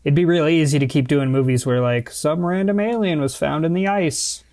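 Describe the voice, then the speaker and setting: A man co-hosting a podcast, chatting in a relaxed way and sharing trivia. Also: fairly high pitch, brisk. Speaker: podcast co-host. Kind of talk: casual chat.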